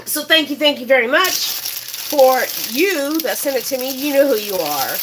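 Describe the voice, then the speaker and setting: Woman, cooking show host, home kitchen, chatty and rambling, a touch high-pitched. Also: lively intonation, normal speed, noisy background. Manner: chatty and rambling, many fillers. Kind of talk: casual cooking demonstration.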